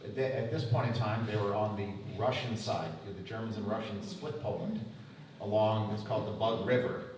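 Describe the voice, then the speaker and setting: A middle-aged man retelling family history at a public talk, halting and repeating words as he goes. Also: lowish voice, fairly even intonation, darkish tone, slight background noise. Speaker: lecture speaker. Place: museum lecture room. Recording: echoey hall from far off.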